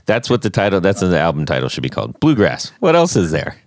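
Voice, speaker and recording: Deep-voiced, jokey podcast host. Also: male voice, huge pitch swings, fast talker, darkish tone, dry recording, clean studio sound. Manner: jokey, laughs often. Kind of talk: casual podcast chat.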